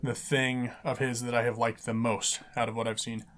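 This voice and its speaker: A man's voice: medium pitch, level tone, normal speed, a bit bright, slight background noise. Young man stammering through a movie chat. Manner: stammers and restarts, talks while eating. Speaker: podcast co-host. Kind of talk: casual movie review chat.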